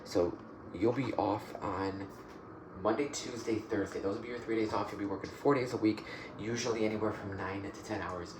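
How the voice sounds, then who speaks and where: A man with a low-pitched voice does a soft-spoken ASMR role-play as an interviewer. He talks haltingly and circles back over his phrases. Loud noise with clicking and typing runs through the recording. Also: steady tone. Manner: halting, repeats and rephrases phrases. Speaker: ASMR performer playing a job interviewer. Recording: noisy, with clicking and typing sounds.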